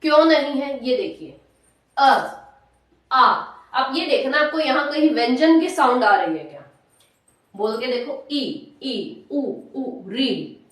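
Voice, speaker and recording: Woman teaching hindi grammar slow and drawn out, repeats stuff, quizzes the class. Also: sits high, animated. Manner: asks questions and answers them herself; drawn-out syllables, repeats points. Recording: echoey room, voice from far off.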